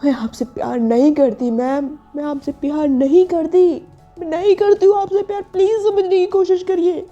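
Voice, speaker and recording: Woman doing young employee pleading with boss, insistent, higher voice, dark tone, lo-fi with soft music. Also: a little slow, creaky.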